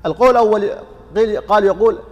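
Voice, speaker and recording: Male teacher, fast explanatory delivery that poses and answers its own questions, reverberant hall recording. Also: high voice, muffled recording. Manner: explanatory, quizzing listeners with rhetorical questions; chants sample calls to prayer to demonstrate. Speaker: sheikh teaching a fiqh lesson. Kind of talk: classroom lesson explaining a text.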